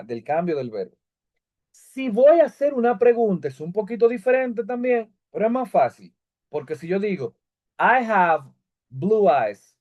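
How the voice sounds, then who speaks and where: A man whose first language is Spanish, explaining an English lesson and reading the English examples slowly and carefully. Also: high voice, darkish tone, dull audio. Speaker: English teacher. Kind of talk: recorded online English lesson.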